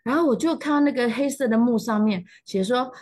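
A woman's voice: on the high side, brisk, a little mellow. A middle-aged woman with a Taiwanese Mandarin accent sharing a personal faith testimony in emotional storytelling, her voice jumping up at moving moments. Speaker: church testimony speaker.

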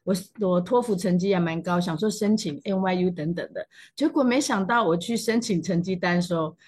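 A woman with a Taiwanese Mandarin accent, middle-aged; breathy, husky tone, emotional testimony storytelling. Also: on the low side, fairly quick, darkish tone. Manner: emotional storytelling, voice jumping up at moving moments. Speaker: church testimony speaker. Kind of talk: personal faith testimony.

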